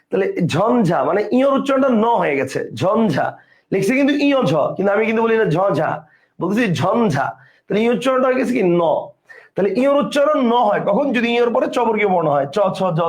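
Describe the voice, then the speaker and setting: A man's voice: high-pitched, lively intonation, fast. A man teaching an exam prep class, explaining step by step and asking and answering his own questions.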